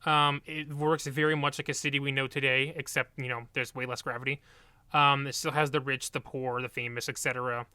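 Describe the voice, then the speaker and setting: A man co-hosting a book podcast, summarizing a novel in a relaxed way and often correcting himself. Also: mid-range voice, fairly quick, smooth, dry recording. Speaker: podcast co-host. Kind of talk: casual book review chat.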